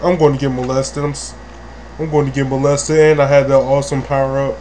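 A man hosting a let's play, talking crudely and profanely as he plays, breaking into sudden loud outbursts. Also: mid-range voice, little pitch movement, fairly quick, a little hiss or hum. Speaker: gaming channel host.

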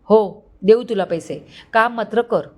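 Lady doing a sly scheming uncle, calm but bossy. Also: medium pitch, measured pace, close to an everyday voice. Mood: dismissive. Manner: calm, controlling. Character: scheming middle-aged uncle, cold and calculating.

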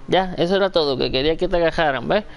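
A man's voice: fairly high pitch, quick pace, vocal fry, a little hiss or hum. A gaming streamer, a man, chatting casually and cooing playful baby talk to an infant while he plays. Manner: playful, teasing.

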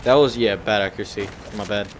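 A man's voice: lowish voice, fairly even intonation, fast talker, noisy background. A young man giving casual, rambling commentary over his own gameplay, full of fillers. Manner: rambling, filler-heavy, chatty.

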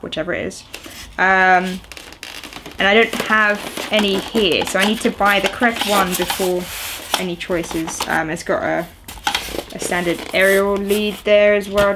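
In a casual unboxing chat, a talkative young woman rambles on, dropping plenty of ums and uhs in her mid-range voice. She hosts the video from a sofa in a small home room, and the background is noisy.

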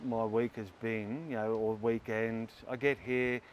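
A man's voice: medium pitch, little pitch movement, a little slow, lo-fi sound. A man interviewed outdoors on a farm, speaking plainly and earnestly. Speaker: program participant.

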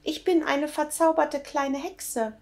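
Lady putting on a tiny squeaky mouse-witch girl voice, high and piping, storybook reading. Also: steady tone, slow pace, a little mellow. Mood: pleading.

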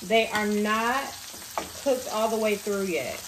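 A woman's voice: mid-range voice, slow pace, noisy background. A woman casually talking viewers through a recipe step by step while she cooks at her home stove. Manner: relaxed step-by-step explaining with fillers. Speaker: cooking vlogger. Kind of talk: casual cooking tutorial. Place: home kitchen at a gas stove. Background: background music and sizzling pan.

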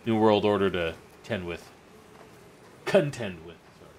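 A man's voice: deep voice, expressive, measured pace, darkish tone, slight background noise. A man streaming a game, joking around and talking to his in-game dog and his viewers. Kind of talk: casual gameplay commentary.

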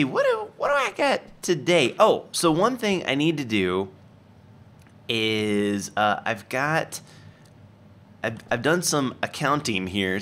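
A man hosting a gaming video, giving goofy, chatty gameplay commentary. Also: lowish voice. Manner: playful, animated, chatty.

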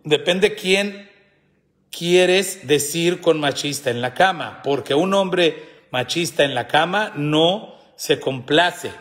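A man's voice: on the high side, slow, a bit bright. A middle-aged man hosting a casual live chat, joking, laughing often and reading viewers' comments aloud. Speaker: host.

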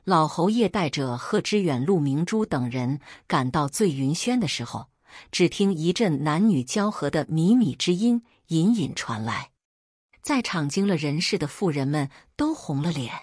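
A woman narrating a dramatic story in an expressive storytelling reading. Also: sits low, normal speed, husky, no echo, studio quality.

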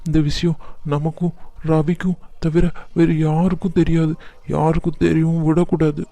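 A man's voice: fairly high pitch, little pitch movement, moderate pace, dark tone, dry recording, natural voice. Man voicing a firm young husband. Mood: worried. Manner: earnest, firm.

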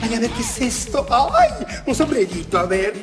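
A man's voice: very high-pitched, huge pitch swings, moderate pace, heavily acted. An actor with a Peruvian accent playing a fussy, flamboyant, gossipy male butler in a sitcom, with a theatrical delivery full of exclamations. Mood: chatty. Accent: Peruvian Spanish. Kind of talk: sitcom acting. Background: music.

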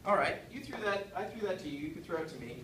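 Man, conference talk, playful, mid-high voice, distant mic, roomy echo. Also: sing-song, rapid-fire. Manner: upbeat, playful, leads audience. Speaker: conference speaker. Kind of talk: conference presentation. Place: conference hall. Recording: echoey hall, far from mic, background noise.

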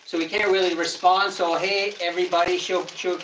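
A man's voice: high-pitched, flat delivery, a little fast, a bit bright. A middle-aged man co-hosting a live snack review, reading out labels and greeting viewers. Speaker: co-host. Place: green-screen studio room. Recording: roomy, distant mic with faint noise.

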